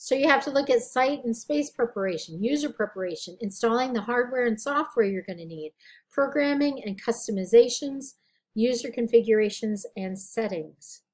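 A woman's voice: a little high, expressive, moderate pace. Scratchy-voiced woman giving a lecture. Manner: conversational, self-correcting, asks rhetorical questions. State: scratchy, tired voice. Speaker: college instructor. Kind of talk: recorded lecture.

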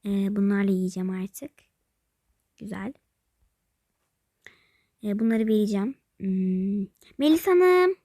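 A woman's voice: medium pitch, level tone, slow, long pauses, mellow, dry recording, studio quality. A woman narrating her mobile game play in a casual, chatty way, thinking aloud as she goes, calling her viewers by pet names and often dropping to a whisper. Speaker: game vlogger.

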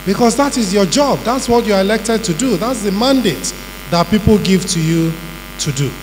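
A middle-aged man with a Nigerian accent giving a measured, emphatic public talk and listing his points one by one. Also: high-pitched, animated. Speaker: panel speaker on governance. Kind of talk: public talk answering questions. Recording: reverberant hall with faint hum.

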